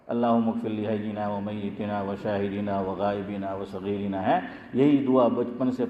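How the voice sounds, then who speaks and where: A man's voice: medium pitch, slight background noise. A male preacher delivers a storytelling lecture in a big room with long, ringing reverb. He often poses a question and answers it himself. The sound is muffled and lo-fi. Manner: asks rhetorical questions and answers them himself; lively storyteller, rises sharply when telling jokes. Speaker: Islamic scholar and teacher. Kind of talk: Urdu religious lecture with anecdotes. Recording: echoey hall, dull lo-fi sound.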